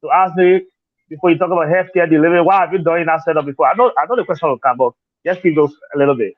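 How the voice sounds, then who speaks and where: Talking very fast in a high-leaning voice, a Liberian-accented political candidate answers an interviewer's questions. The phone line is tinny and dry with no room sound, and his manner is earnest and repetitive, full of "you know."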